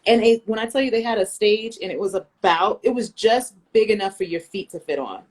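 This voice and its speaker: An American woman chatting casually, telling a lively story full of fillers and asides. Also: medium pitch, a little fast. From United States. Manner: animated storyteller, lots of fillers. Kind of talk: casual chat.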